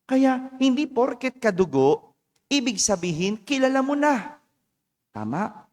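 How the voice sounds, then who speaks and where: High-voiced Filipino priest in a reverberant church. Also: male voice, sing-song, a little slow, darkish tone. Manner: chatty, asks the congregation short questions. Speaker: parish priest. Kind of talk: conversational homily.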